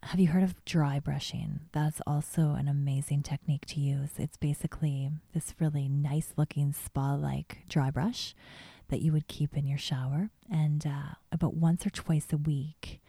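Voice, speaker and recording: A woman whispering casual beauty and hair tips in a gentle, chatty ASMR vlog, often trailing off mid-thought. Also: low voice, fairly even intonation, moderate pace, vocal fry, slightly rough, dry recording. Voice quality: soft whisper. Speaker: beauty vlogger.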